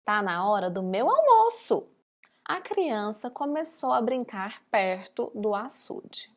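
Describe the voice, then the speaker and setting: Slow, lively woman teaching children. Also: a little high. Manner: slow, drawn-out syllables for young pupils. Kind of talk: recorded remote school lesson.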